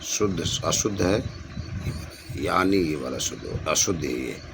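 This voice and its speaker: A man's voice: rumbling low, expressive, measured pace, noisy background. A male teacher going through exam spelling questions, reading each option aloud and repeating words to stress the correct one.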